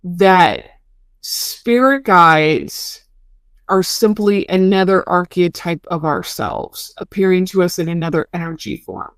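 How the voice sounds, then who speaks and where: A woman's voice: on the low side, slow pace, smooth, no echo, clean studio sound. A woman hosting an interview, asking follow-up questions and responding in an engaged, affirming way. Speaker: podcast host. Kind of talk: conversational interview.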